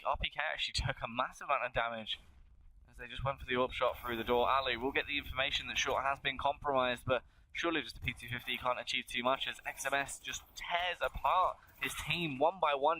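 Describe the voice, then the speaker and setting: Male analyst caster, mid-pitched, bright edge, breaks down plays and builds hype. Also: fairly even intonation, fast talker, low-quality recording. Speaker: esports colour commentator. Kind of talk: colour commentary.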